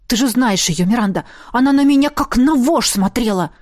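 A jealous, hot-tempered young man from a fantasy audiobook, pleading one moment and throwing accusations the next, as a woman reads him. The voice sits a touch high, with no heavy disguise. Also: animated, moderate pace, natural voice. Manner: pleading then shouting accusations.

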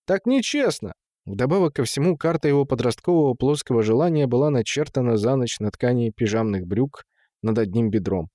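A man narrating an audiobook in an even, unhurried reading on a close microphone. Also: mid-range voice, dry recording. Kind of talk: scripted narration.

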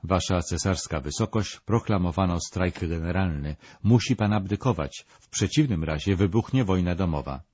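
A desperate chancellor urgently imploring his sovereign, as read by a documentary narrator. The voice is low and husky. The recording is dull and lo-fi. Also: expressive, normal speed, hardly any pauses, darkish tone, no echo. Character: desperate, pleading male chancellor.

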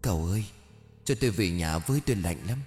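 A man's voice: low-pitched, animated, fast talker, a little mellow, faint music behind. Man voicing a trembling, pleading female ghost. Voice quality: thin, trembling.

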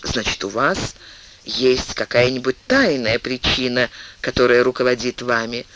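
A man reading an audiobook, voicing a composed older queen who speaks softly, measuredly and with a maternal sternness. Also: mid-range voice, a little slow, lightly acted, poor audio. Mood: wistful.

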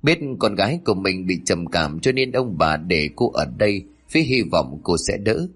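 A man's voice: deep voice, animated, moderate pace, a bit bright, husky. A man narrating a dramatic family story in scripted storytelling.

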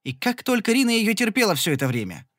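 A man narrating a first-person fantasy audiobook in an expressive, exasperated storytelling manner. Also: high-pitched, quick pace, dry recording, clean studio sound.

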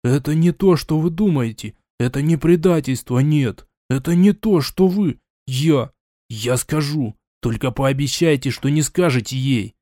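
A man playing a young knight in love, sullen, stammering, defiant, somewhat higher voice, dry sound. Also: unhurried, darkish tone, no echo, close to an everyday voice. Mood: anguished.

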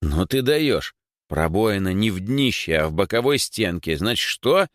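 A gruff, bossy schoolboy who snaps commands and mocks his friends, performed by a man reading the story. The voice rides a little above the reader's deep register and swings in pitch. The recording is close and dry. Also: big pitch swings, measured pace, no room sound. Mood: commanding. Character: schoolboy Egor, bossy, sarcastic and quick to snap. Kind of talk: audiobook character voice.

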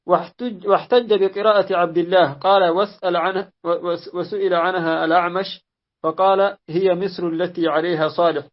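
A man reading a classical exegesis text aloud in a measured way, restarting after slips. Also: sits high, steady tone. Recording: dull lo-fi audio.

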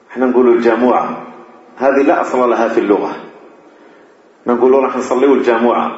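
A male sheikh teaching a lecture, with deliberate, drawn-out phrasing and long pauses. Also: mid-range voice, a little mellow. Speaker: sheikh teaching a hadith commentary. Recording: echoey dull lo-fi room recording.

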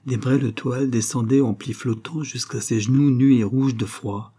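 A man narrating a historical novel in a measured, expressive reading. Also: mid-range voice. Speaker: audiobook narrator. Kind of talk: scripted narration.

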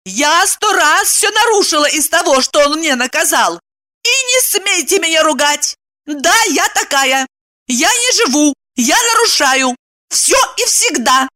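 A woman narrator voicing a shrill, hot-tempered married woman in dramatic, shrieking outbursts. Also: moderate pace, sharp tone. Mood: hysterical.

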